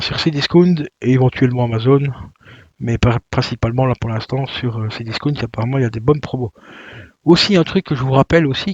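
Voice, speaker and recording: A man's voice: mid-range voice, darkish tone, dry recording, lo-fi sound. A man chatting casually while he unboxes a video game, with lots of fillers and self-corrections. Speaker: YouTuber unboxing video games.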